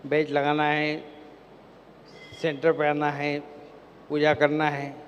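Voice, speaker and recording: Slow, measured man in an echoing hall. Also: a little high, monotone, highs cut off. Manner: asks the audience questions, then answers them himself. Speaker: spiritual seminar speaker. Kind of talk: devotional talk to a live gathering. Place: large hall with an audience. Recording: long hall reverb, faint background noise.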